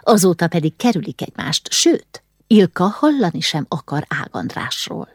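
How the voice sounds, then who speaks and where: A spirited young noble girl in a spoken storybook, eager and persuasive as she makes her case, voiced by a woman narrator. Her pitch moves lively over a low base. The recording is dry and close. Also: slightly rough, no room sound, heavily acted.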